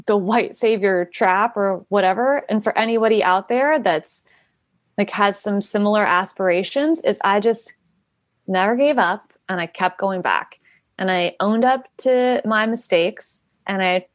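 A woman's voice: mid-range voice, unhurried, no room sound. A woman guest talking about founding a nonprofit, rambling with many fillers and restarts. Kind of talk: casual interview answers.

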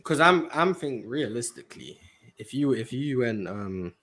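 A man's voice: medium pitch, expressive, normal speed, a bit bright. A young man chatting casually as he organises a group game and plays along.

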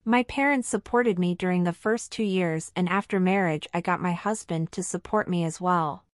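In a scripted practice interview, a woman plays a polite, married citizenship applicant, answering formally and carefully in full sentences with a composed manner. Her voice is fairly low and moderately paced, lightly acted, captured dry with studio quality.

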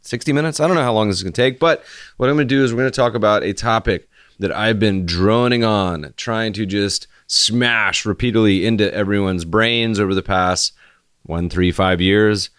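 A man with an American accent hosting a solo podcast, talking casually and conversationally in a deadpan monotone. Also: fairly low pitch, moderate pace, clear, resonant tone, no room sound, studio quality. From United States. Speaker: podcast host.

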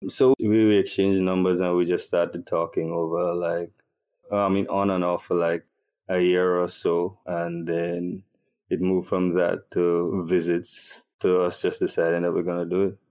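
A man in his thirties with a very deep voice. He chats in a relaxed, easygoing way, often restarting his sentences and laughing easily as a podcast guest. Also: normal speed. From Trinidad and Tobago. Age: 30s. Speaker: podcast guest, university lecturer. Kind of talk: casual interview chat.

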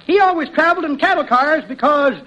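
A man's voice: very high-pitched, fast. An actor playing a folksy, chuckling old man who spins rambling yarns in a 1940s radio comedy. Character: cheerful old man, rambling yarn-spinner. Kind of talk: 1940s radio sitcom acting. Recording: noisy old radio transcription.

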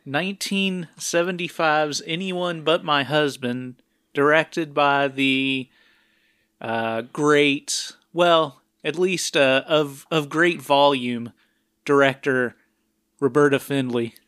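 A man's voice: a little high, takes it slowly, fairly bright tone, clean tone, no echo, clean studio sound. A man hosting a casual podcast, easygoing and a bit hesitant. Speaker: podcast co-host. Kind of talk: casual chat.

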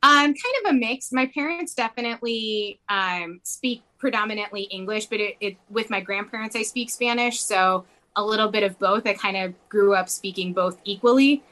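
A young woman who grew up in Mexico talks casually in an interview at normal speed, her mid-range voice pushed and bright. She rambles, dropping "like" constantly.

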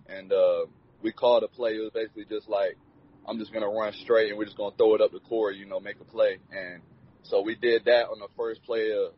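Man in his twenties, low voice, husky, laid-back interview talk, many fillers, dull lo-fi recording. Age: 20s. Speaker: college football player. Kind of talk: relaxed interview answers.

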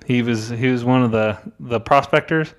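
A man's voice: mid-range voice, normal speed. A man co-hosting a podcast, telling a history story in casual chat with many fillers and restarts. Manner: rambling, lots of fillers and restarts. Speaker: podcast co-host.

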